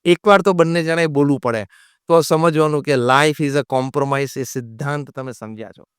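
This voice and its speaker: A man's voice: fairly high pitch, normal speed, clean tone, no echo, clean studio sound. A man giving a motivational sermon as a monk, mixing in English phrases and acting out quoted voices. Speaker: monk giving a religious talk.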